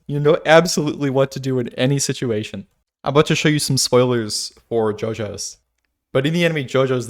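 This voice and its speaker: Man musing aloud in a video essay. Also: mid-range voice. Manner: musing, thinks aloud with restarts and asides. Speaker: video creator. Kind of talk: casual philosophical monologue.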